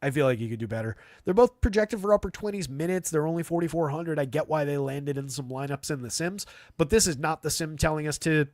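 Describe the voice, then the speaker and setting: Speaking quickly in a fairly high, slightly mellow voice, this man runs a live fantasy basketball stream. He analyzes off the cuff and replies to chat with a dry, conversational tone, and there's no echo.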